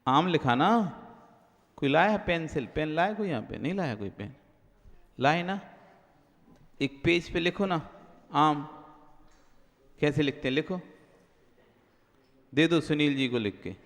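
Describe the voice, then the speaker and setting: Male monk preacher, high-pitched, slow and deliberate, sermon style, long echoing hall. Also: lively intonation, fairly bright tone. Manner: chants scripture verses slowly, then explains with questions to the audience; acts out everyday quoted remarks in a lower voice.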